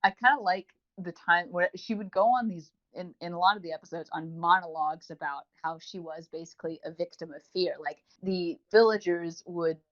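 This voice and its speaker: Heard through a dull, lo-fi recording, this podcast co-host has a fairly low, fairly bright voice and keeps a moderate pace with few pauses. She gushes through a meandering review in a relaxed, conversational style.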